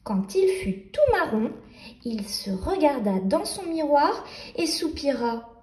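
Slow, high-voiced woman storyteller. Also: very animated, warm tone, reverberant. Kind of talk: children's story reading.

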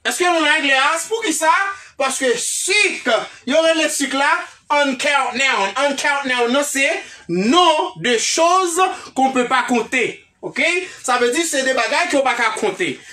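Haitian woman, English teacher, slow and emphatic, high voice, mic set back. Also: expressive, pushed and bright. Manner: emphatic, repeatedly checks in with the class. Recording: voice a bit far from the mic.

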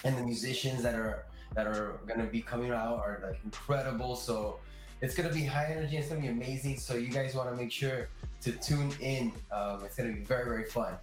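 A man's voice: medium pitch, steady tone, brisk, over music. A young man from Miami, a percussionist guest, talking casually over a video call from home with many fillers. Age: young adult. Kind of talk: casual interview. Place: room at home. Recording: roomy video-call audio.

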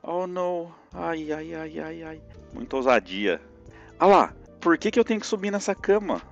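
A Brazilian man streams a platform game live, his slightly high voice swinging up and down as he yelps and groans through every jump. Faint game music plays under his commentary. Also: expressive, normal speed, creaky, lo-fi sound. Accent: Brazilian Portuguese.

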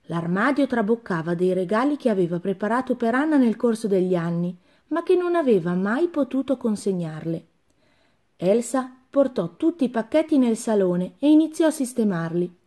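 A woman reading a children's storybook aloud with a clear, expressive delivery. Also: fairly high pitch, moderate pace.

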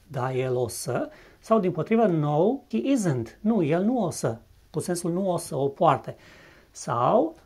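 A man teaching a recorded English lesson, who explains patiently and says each English example slowly and clearly before translating it. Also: a little high, darkish tone. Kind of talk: recorded video lesson narration.

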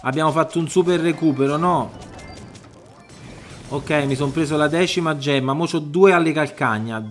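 A man giving excited live commentary over his own gameplay, swinging from loud urgent pleas to low mutters. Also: moderate pace, faint music behind. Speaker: gaming YouTuber.

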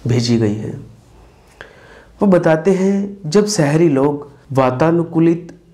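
A man narrating a devotional moral story, speaking slowly and deliberately and briefly acting out the characters' lines. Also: medium pitch, mellow. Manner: slow, deliberate storytelling with brief acted quotes. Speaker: spiritual storyteller.

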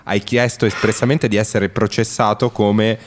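A man hosting a podcast, chatty and quick to agree and jump in. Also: lowish voice, level tone, slight background noise. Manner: chatty, agreeing, jumps in often. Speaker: podcast host. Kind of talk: casual conversation.

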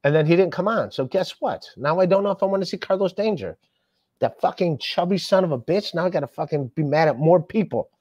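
A man's voice: a little high, animated, darkish tone, no room sound, muffled recording. Profane, ranting man on a podcast. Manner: profane, ranting, quick to anger. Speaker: comedian podcast host. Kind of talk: casual podcast chat.

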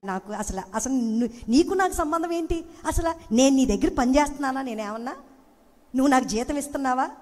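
A woman's voice: high-pitched, big-room sound. A woman pastor with a Telugu accent, preaching a passionate sermon full of rhetorical questions in a church.

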